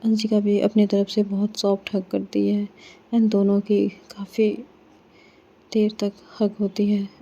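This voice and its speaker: A woman storyteller narrating a romance story in a steady, unhurried way, on a slightly dull recording. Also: mid-range voice, creaky, husky.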